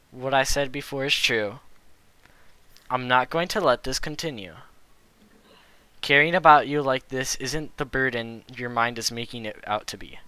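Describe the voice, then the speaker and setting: Earnest male narrator with a bright, forceful voice, dry close mic. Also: medium pitch, clear, resonant tone, dry recording. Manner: earnest, reassuring. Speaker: streamer and narrator voicing the player character. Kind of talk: live fan dub narration.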